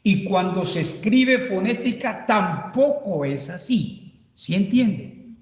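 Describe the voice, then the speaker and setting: In a reverberant church hall, a pastor leads a Bible study, speaking haltingly and emphatically and repeating points as he writes them on a board. He has a high, animated voice.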